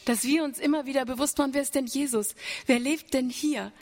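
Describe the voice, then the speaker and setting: A woman's voice: high voice, fairly even intonation, a little fast, darkish tone. A woman preaching an Easter sermon, earnest, asking the congregation rhetorical questions. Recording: long church reverb.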